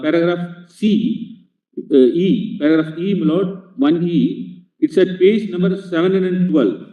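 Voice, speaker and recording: High-pitched advocate on a tinny feed. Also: male voice. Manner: formal, peppers every phrase with "my lord". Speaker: advocate arguing before the court. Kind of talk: courtroom legal argument. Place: courtroom. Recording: tinny, echoey courtroom feed from a distant mic.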